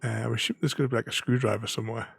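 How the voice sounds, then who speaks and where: A man's voice: medium pitch, fairly even intonation, rapid-fire, creaky, a bit bright, soft background music. A man giving casual gameplay commentary, thinking aloud hesitantly. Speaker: game player commentator.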